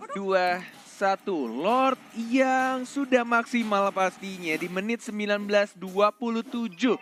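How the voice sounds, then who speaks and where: A man with an Indonesian accent calling live esports play-by-play in an excitable, dramatic way, repeating phrases for emphasis. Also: sits high.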